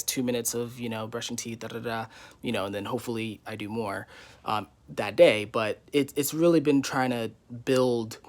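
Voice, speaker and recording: A man in his twenties giving a casual, candid vlog update from his living room, rambling with many fillers. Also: medium pitch. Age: 20s. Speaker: YouTuber.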